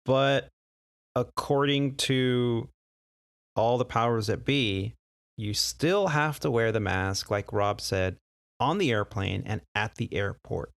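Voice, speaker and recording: A relaxed American man co-hosting a podcast about flying. He talks in a loose, chatty way at a middle pitch, and the sound is dry and close to the mic. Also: takes it slowly, vocal fry, no room sound. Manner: relaxed, chatty, frequent fillers and restarts. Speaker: podcast co-host and airline pilot. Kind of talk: casual podcast chat.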